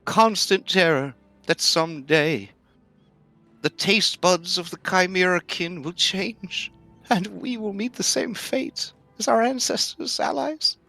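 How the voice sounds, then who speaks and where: A man voicing a mournful, fearful talking tree in a slow, drawn-out and solemn way. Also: high voice, pushed and bright, faint music behind, pitched above the performer's own voice, heavily acted.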